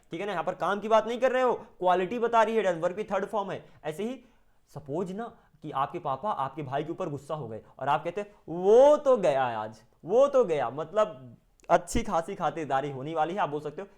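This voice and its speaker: Indian male English tutor, slightly high voice, slow drilled repeats of each sentence. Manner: repeats English sentences slowly after Hindi translations. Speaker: English teacher. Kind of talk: spoken English lesson.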